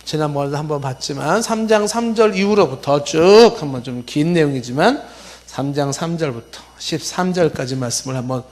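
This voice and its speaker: A man's voice: fairly high pitch, expressive, moderate pace, darkish tone. A middle-aged male pastor giving a Bible-teaching sermon, explaining with rhetorical questions and reading passages aloud. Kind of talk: expository sermon.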